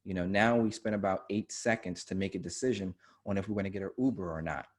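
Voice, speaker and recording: Low-voiced American man, emphatic. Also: quick pace. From United States. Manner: emphatic, repeats key points. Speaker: guest author. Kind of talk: webinar conversation. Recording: video call audio.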